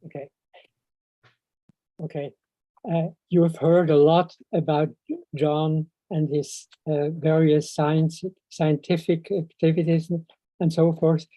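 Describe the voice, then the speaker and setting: An older Swiss man, a native Swiss German speaker with a Swiss German accent, gives an informal tribute at a memorial seminar while seated indoors on a video call. He speaks haltingly, often searching for words, with frequent long hesitations. His voice is fairly high, warm and flat in delivery, and the video call audio is muffled but echo-free.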